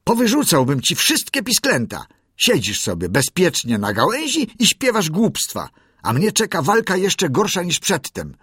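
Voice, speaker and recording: A man voicing a brave male mongoose who talks in a brisk, commanding way. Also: medium pitch, sing-song, fairly bright tone, husky, no room sound, studio quality, voice pushed up, full character voice. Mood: urgent. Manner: urgent, commanding.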